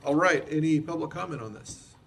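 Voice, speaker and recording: Creaky-voiced man chairing a meeting. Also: fairly high pitch, a little fast, a little hiss or hum. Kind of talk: procedural meeting moderation. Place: public meeting room.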